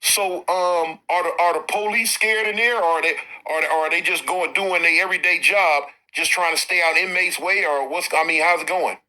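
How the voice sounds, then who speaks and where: A man with an Alabama Southern accent interviewing in a casual, slangy way, with animated, informal reactions. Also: fairly high pitch, normal speed, hardly any pauses, poor audio. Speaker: interviewer, former inmate.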